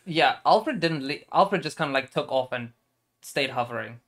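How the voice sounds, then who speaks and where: A man playing a tabletop game, talking casually and haltingly with jokes. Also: mid-range voice, expressive, a bit bright. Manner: unhurried, halting with fillers, joking. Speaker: player.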